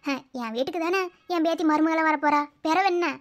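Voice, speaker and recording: A woman's voice: very high voice, a little fast, pitched below the performer's own voice. A woman voicing a firm, comforting elderly village grandmother in a cartoon, with a Madurai Tamil accent. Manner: firm, reassuring. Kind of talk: cartoon voice acting.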